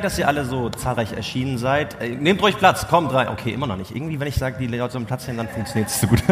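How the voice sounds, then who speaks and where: A man co-hosting a podcast, opening a live show before an audience in a loose, joking way. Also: medium pitch. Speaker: podcast co-host. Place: event venue before an audience. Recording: roomy hall with faint ambient noise.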